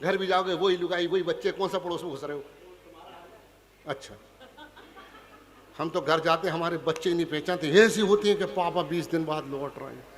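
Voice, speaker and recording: A man's voice: on the high side, steady tone, normal speed, pauses often, long reverb tail. A man with a Punjabi accent, a comic poet on stage, teasing and chatting with a live audience. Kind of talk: stand-up comic poetry recital. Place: large hall before a live audience.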